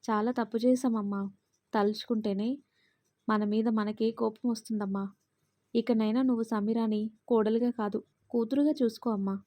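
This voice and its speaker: A woman's voice: a little high, fairly even intonation, moderate pace, dark tone, no echo, close to an everyday voice. A woman voicing a regretful grown daughter in a storybook reading, earnest and pleading.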